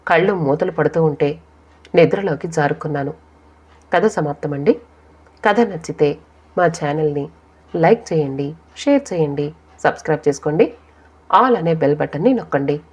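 A woman narrating a first-person story in a quiet, sorrowful storytelling manner. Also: sits low, expressive, moderate pace, long pauses, breathy edge. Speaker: audiobook narrator. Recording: dull lo-fi recording.

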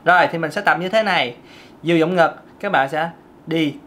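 A woman's voice: sits low, moderate pace, a bit bright, a little hiss or hum. A woman, a vocal coach giving a casual singing lesson and breaking off to demonstrate vocal sounds.

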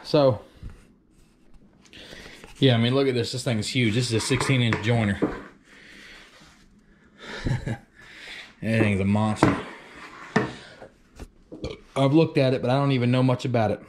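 A man's voice: mid-range voice, measured pace, pauses often, background noise. A man casually talking through a job in his woodworking shop, thinking aloud with fillers and the odd curse. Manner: plainspoken, thinks aloud with fillers and mild cursing. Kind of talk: casual workshop vlog narration.

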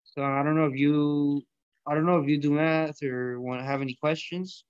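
His voice is a little high and clean-toned, with fairly even intonation and a moderate pace. This young Colombian hosts an online audio room in a small indoor space, shooting the breeze about food and math in relaxed, swearing-filled slang with plenty of "bro" and "yo." The audio is dull, with no echo.

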